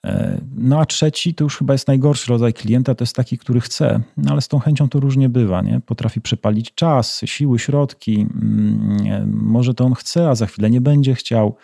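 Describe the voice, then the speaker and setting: Brief: middle-aged male guest, dark gravelly voice, measured explainer, dry close mic. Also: medium pitch, no echo. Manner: measured, explanatory, uses rhetorical tags. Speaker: business intelligence consultant, guest. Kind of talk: interview answers.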